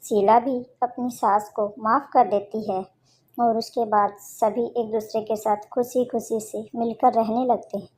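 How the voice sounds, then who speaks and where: A woman narrating a scripted moral story in a steady, plain storybook manner. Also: fairly high pitch, unhurried.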